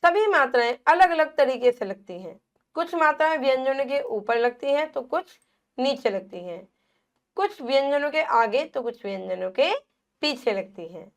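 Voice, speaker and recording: A woman teacher giving a lesson to young children, sounding out syllables slowly and asking them questions. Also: high-pitched, lively intonation. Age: adult. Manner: slow, drawn-out sounding of syllables; asks the children questions and repeats answers.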